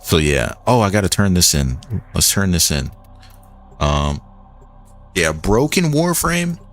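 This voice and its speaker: A man's voice: sits low, very animated, measured pace, soft background music. A young man streaming a game and chatting in a loose, rambling way, full of restarts and "like". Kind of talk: casual gaming commentary.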